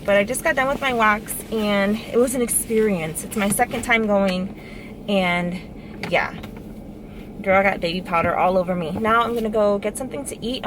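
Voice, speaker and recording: A woman's voice: mid-range voice, background noise. A young woman chatting casually to viewers in a vlog, talking into a handheld camera while running errands. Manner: chatty, addresses viewers directly. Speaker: vlogger. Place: car and around town, indoors and out.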